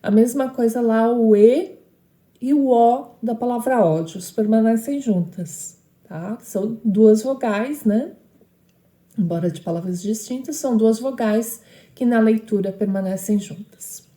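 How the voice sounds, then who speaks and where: A woman's voice: a little high, measured pace, warm tone, reverberant. A woman teaching a lesson on poetic meter, explaining step by step and often checking in with short tag questions.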